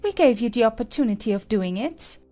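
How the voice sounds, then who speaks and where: Haughty, bossy queen, played by a woman: highish, very animated, sharp and imperious storybook delivery. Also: fairly quick, faint music behind, close to an everyday voice. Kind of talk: dramatized storybook acting.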